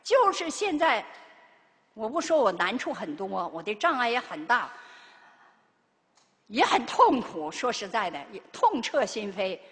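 An older woman delivers a Buddhist dharma talk, her fairly high voice swinging widely in pitch. She keeps firing rhetorical questions at the listeners. The sound carries a long reverberant hall tail. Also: very animated, unhurried, long pauses, a bit bright. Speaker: Buddhist lay teacher.

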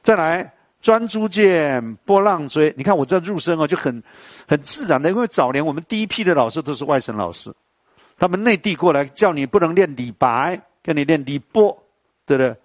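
A man with a Taiwanese Mandarin accent teaching a lesson on classical poetry tones, quizzing students and chanting lines slowly. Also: fairly high pitch, expressive, no room sound.

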